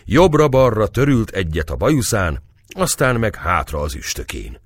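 Male audiobook narrator, deep and very expressive, dry close sound. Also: dry recording. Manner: acts out the dialogue with raised voice. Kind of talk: audiobook narration of a historical novel.

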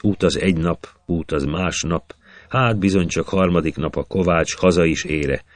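Very deep-voiced man reciting epic verse. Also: no room sound. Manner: measured, rhythmic recital. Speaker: narrator.

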